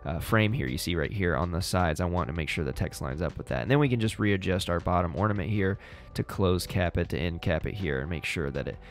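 A young man hosting a design tutorial, relaxed and upbeat, explaining each step casually into a studio mic. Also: low voice, a little fast. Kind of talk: casual screen-recorded tutorial. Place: small home studio indoors. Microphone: studio mic on boom arm.

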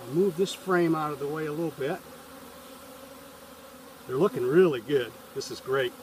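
A man calmly walking through a beehive check step by step, filmed outdoors on a farm from a few feet away. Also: fairly high pitch, normal speed, noisy background. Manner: calm, explains step by step while working. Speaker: hobby beekeeper. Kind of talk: casual how-to narration. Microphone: camera a few feet away, speaker in a bee suit and veil. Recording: distant outdoor camera audio, buzzing bees.

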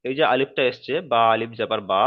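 A Quran reading teacher with a mid-range voice drills Arabic letter sounds in a slow sing-song, then explains more quickly. It's a recorded online lesson spelling out Arabic letters, and the recording sounds dull and muffled.

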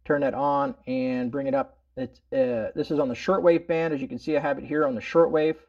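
A middle-aged prepping channel host rambles informally through a product demo at home, peppering his talk with verbal tags. His voice is a little high, expressive and brisk, a little mellow with vocal fry, on dull-sounding audio.

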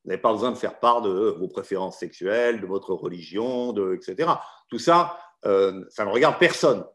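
A middle-aged man answers student questions as a law professor, frank and opinionated. He explains in a lively, direct way, with plenty of emphasis. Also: on the low side, normal speed.

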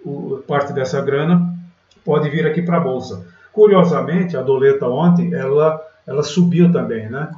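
A man's voice: mid-range voice, measured pace, mellow, echoey room. Man, from Brazil, trading channel host, chatty screen-share commentary, distant mic, dull sound. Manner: chatty, filler-heavy, keeps saying "galera" and "né".

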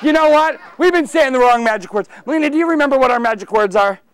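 In a children's library room before seated children, this middle-aged kids party magician speaks fast at an extremely high pitch with lively intonation, against a noisy background. He's theatrical and exuberant, bantering playfully with young volunteers and frequently getting loud.

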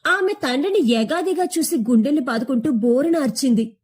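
A woman's voice: high-pitched, animated, fairly quick, darkish tone. A young woman reading a short story aloud in a somber, emotive manner. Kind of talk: scripted narration of a short story.

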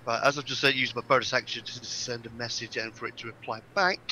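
A man's voice: mid-range voice, fairly even intonation, quick pace, sharp tone, highs cut off, a little hiss or hum. A man playing a tabletop game, describing his character's actions in a hesitant way with many restarts. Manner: hesitant, restarts and ums while planning. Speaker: player. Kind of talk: casual tabletop game play.

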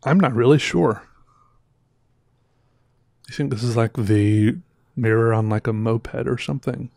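A man in his thirties, throat a little sore, talks at a measured pace in a creaky, slightly mellow mid-range voice. He casually rambles and interrupts himself while looking at viewer art on a livestream. He uses a headset with a boom mic in a small room, with no echo.

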